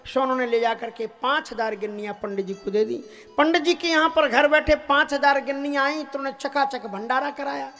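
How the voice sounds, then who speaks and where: A man with a notably high voice preaching a devotional sermon, spinning a story at a brisk clip and then slowing to intone verses. Quiet devotional music sits underneath his voice. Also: steady tone. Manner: storytelling that breaks into slow chanted verses.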